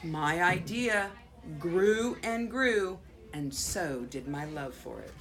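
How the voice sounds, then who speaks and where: An American woman, a school principal, reading a children's picture book aloud expressively, with dramatic pauses and drawn-out words. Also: fairly low pitch, animated, a bit bright. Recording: faint background noise.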